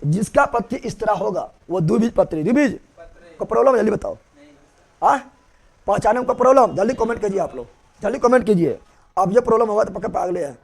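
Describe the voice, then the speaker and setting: Gravelly high-voiced teacher quizzing fast. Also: male voice, lively intonation. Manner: rapid-fire quizzing, repeating key terms. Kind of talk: classroom-style online lesson.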